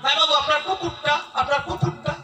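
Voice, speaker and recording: A man's voice: very high-pitched, steady tone, quick pace, sharp tone, heavily acted. A man voicing a sly male servant who breaks bad news piece by piece, in a comic folk tale. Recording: echoey stage sound from far off, music behind.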